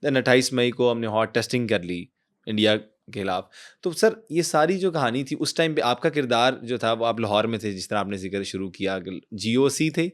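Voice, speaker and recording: A man hosting an interview, respectfully calling his guest sir and asking him to share stories. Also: mid-range voice. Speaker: interview host. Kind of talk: interview questions.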